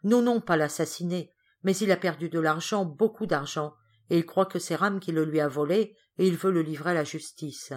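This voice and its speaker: A woman voicing a kindly, motherly governess in a storybook reading, speaking in an earnest, measured way. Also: on the low side, lightly acted.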